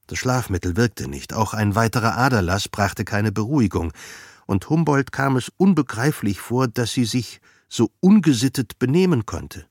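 A man narrating a literary novel in a calm, measured, dry storytelling manner. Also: fairly low pitch, no room sound. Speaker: audiobook narrator.

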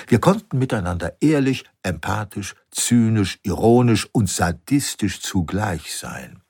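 Low husky guy reading his own story, lots of rhetorical questions, bouncy pitch, dry sound. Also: dry recording. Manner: reflective, rhetorical questioning, sometimes dropping to a whisper. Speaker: narrator. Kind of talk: first-person audiobook narration.

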